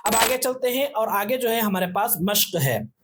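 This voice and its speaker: A man's voice: sits high, normal speed, noisy background. A man teaching a Tajweed lesson step by step, patiently repeating and stretching out letter sounds.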